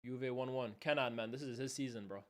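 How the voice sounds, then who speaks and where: A man's voice: mid-range voice, a little fast. A young man hosting a football watchalong stream, chatting loosely with his chat, saying "bro" a lot and laughing often between calls of the play. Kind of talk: casual live-stream chat and match commentary.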